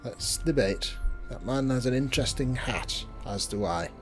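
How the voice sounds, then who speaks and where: A man's voice: mid-range voice, expressive, normal speed. A man giving casual, dry and sardonic video game commentary with hesitant asides. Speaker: video game let's player. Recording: game music behind.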